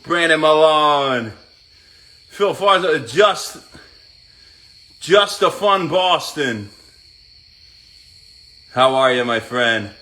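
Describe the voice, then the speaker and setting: Slow-talking bright-voiced man greeting viewers. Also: a little high, lively intonation. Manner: reads out viewers' names and greets each one; chats while working out. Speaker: live-stream host. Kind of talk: casual live-stream chat.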